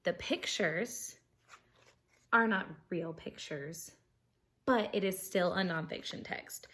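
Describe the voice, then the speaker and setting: A woman teacher with a fairly low voice reads a children's picture book aloud with lots of expression. She explains things in simple terms and asks her young listeners questions.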